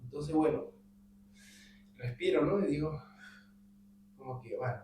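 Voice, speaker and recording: A man's voice: fairly high pitch, a little slow, a little mellow. A man in a Bible study talks animatedly about raising his son, acting out their exchanges. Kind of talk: conversational testimony. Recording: roomy, distant mic with faint hum.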